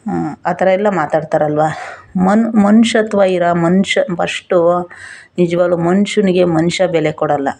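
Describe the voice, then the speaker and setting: A woman's voice: lowish voice, a little slow, mellow. A middle-aged woman vlogger with a rural Kannada accent, talking in an impassioned, pleading, repetitive way in an emotional monologue.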